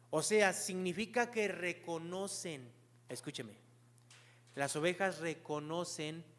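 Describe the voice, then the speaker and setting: High-voiced man preaching a sermon. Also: big-room sound. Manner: asks the congregation rhetorical questions; earnest, explanatory preaching. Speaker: pastor.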